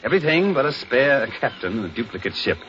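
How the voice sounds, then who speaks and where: A man's voice: mid-range voice, big pitch swings, fast, heavy background noise, close to an everyday voice. An actor playing an earnest young sailor who narrates his whaling voyage in literary, dramatised audio drama style. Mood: earnest, storytelling. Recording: dull lo-fi radio drama, loud music.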